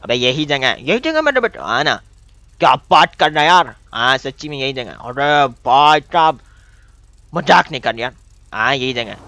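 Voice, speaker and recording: A man streaming a game role-play, loud and bossy, teasing and shouting at his friends. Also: medium pitch, sing-song, normal speed, no room sound.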